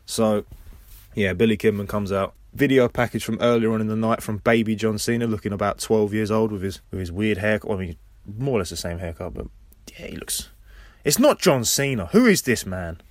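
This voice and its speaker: A man's voice: on the low side, a little fast, dry recording. A man hosting a podcast, casually recapping a wrestling episode play by play with rambling personal asides. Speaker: podcast host.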